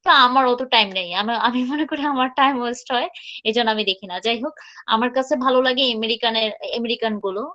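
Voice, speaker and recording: A woman's voice: fairly high pitch, fairly bright tone. Chatty woman teaching pronunciation, lo-fi. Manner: chatty, repeats words slowly to model pronunciation. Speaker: online English teacher. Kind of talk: live class teaching pronunciation.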